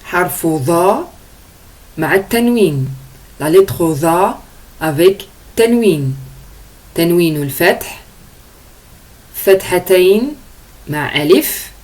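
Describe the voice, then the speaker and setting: A woman teaching Arabic letters slowly, sounding out each vowel and explaining in French. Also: on the low side, animated, a little mellow. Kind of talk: slow letter-by-letter pronunciation lesson.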